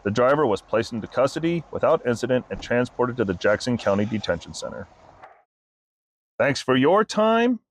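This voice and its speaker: A man, a state trooper, reading his incident report aloud in a flat, formal, methodical way. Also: medium pitch, fast talker, few pauses, slight background noise.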